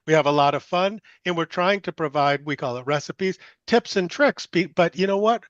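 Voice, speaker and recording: A tech show co-host who talks about new tools in an upbeat, enthusiastic way. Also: male voice, on the high side, normal speed, fairly bright tone, no room sound. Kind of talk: panel discussion. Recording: dull, muffled dry mic.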